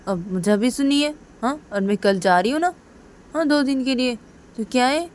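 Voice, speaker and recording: A woman's voice: sits high, animated, moderate pace, pitched above the performer's own voice. A woman doing an anxious pleading young woman. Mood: insistent. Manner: pleading, repeats questions. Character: young woman, anxious, coaxing her tearful partner.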